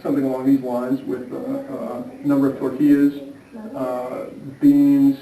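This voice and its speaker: A man's voice: mid-range voice, completely flat delivery, moderate pace, dark tone. A man hosting a casual travel vlog, talking hesitantly with many fillers and restarts. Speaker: vlog host. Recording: echoey room, distant mic, faint noise.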